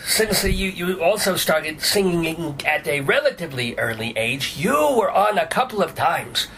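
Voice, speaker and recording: A man with a bright, forceful voice hosts a casual interview. He is playful and quick to wisecrack, dropping Yiddish-flavored asides. The pitch is high for a man, and faint rumbling noise sits under the recording. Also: expressive, poor audio. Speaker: talk show host.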